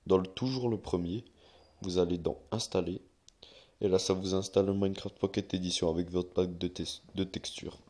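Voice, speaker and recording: A man's voice: sits low, steady tone, normal speed, a little mellow. A young man giving a casual, rambling screen-recorded tutorial, with many fillers and restarts as he walks viewers through steps.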